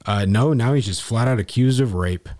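A man's voice: mid-range voice, normal speed, a little mellow. A man co-hosting a podcast in casual chat, rambling and profane, restarting his sentences. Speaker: podcast co-host.

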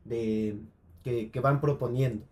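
A man's voice: mid-range voice, fairly even intonation, slow pace, darkish tone. A man sharing film opinions in casual chat, hesitant, often restarting his words. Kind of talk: casual movie discussion.

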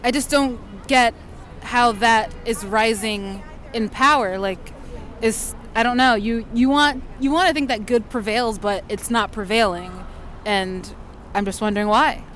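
Brief: woman groping for words, slightly high voice, faint street noise. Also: measured pace, a bit bright, some chatter behind. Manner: hesitant, lots of "like". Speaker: marcher interviewed. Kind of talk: street interview.

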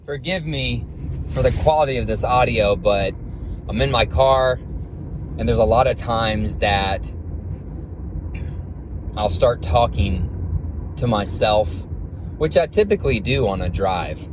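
A man hosting a podcast, talking to himself in a car, recorded as low-quality phone audio. He speaks intensely and swears a lot, firing off rhetorical questions. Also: unhurried, pauses often. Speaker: podcast host. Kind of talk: motivational self-talk monologue. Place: inside a car while driving. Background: car road noise.

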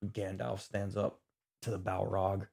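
A man's voice: low voice, flat delivery, measured pace, vocal fry, a little mellow, husky. A man cohosting a podcast, chatting casually and teasing the others.

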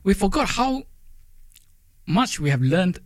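A Singaporean man speaking as a guest poet in a thoughtful, halting conversation, his English flavoured with Singlish. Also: high-pitched, sing-song, dry recording, studio quality.

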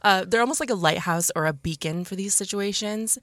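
A woman's voice: mid-range voice, fairly quick, fairly bright tone, no echo. A woman hosting a podcast, chatting casually and telling a story in a studio. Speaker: podcast host. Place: small dry podcast studio.

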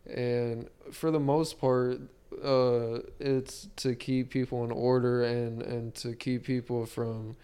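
A man's voice: medium pitch, level tone, takes it slowly, hardly any pauses, mellow, clean tone. A young man in a casual podcast chat, talking in an earnest, rambling, slangy frat-bro way. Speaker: podcast host.

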